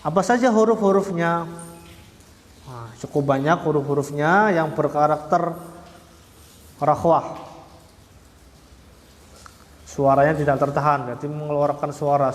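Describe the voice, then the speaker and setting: A man teaching Arabic letter pronunciation, slowly and patiently, repeating each point and sounding out the letters syllable by syllable. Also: on the high side. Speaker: Quran recitation teacher. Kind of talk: religious lesson. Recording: echoey hall, roomy reverb.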